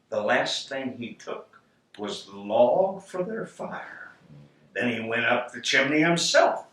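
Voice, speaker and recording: Animated, slow-reading middle-aged or older man. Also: mid-range voice. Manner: theatrical, deliberate, rhythmic verse delivery. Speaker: grandfather reading to family. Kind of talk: animated storybook reading aloud. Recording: roomy distant home recording, faint noise.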